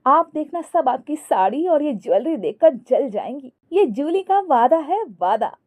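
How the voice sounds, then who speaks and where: A woman's voice: high voice, very animated, measured pace, voice pushed up. A woman voicing a bossy fashion-mad young wife. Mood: insistent. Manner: insistent, dramatic.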